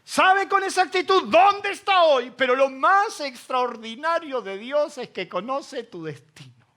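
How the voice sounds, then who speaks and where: A middle-aged man with an Argentine accent preaching a sermon, joking between loud preaching and quiet asides. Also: extremely high pitch, lively intonation, measured pace. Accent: Argentine Spanish. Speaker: pastor.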